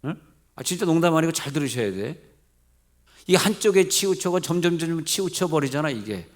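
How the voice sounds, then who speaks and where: His voice fairly high and animated, this middle-aged pastor with a Seoul Korean accent speaks a little fast at a midweek church service. Conversational throughout, he questions the congregation, mixes polite with plain speech, and jokes lightly.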